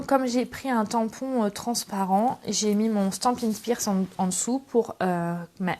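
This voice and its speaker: Brief: woman host, chatty craft demo at home desk, easygoing, faint hiss and clicks behind. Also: medium pitch. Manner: chatty, relaxed, thinks aloud with fillers. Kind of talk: casual step-by-step craft demonstration. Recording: faint background noise and clicks.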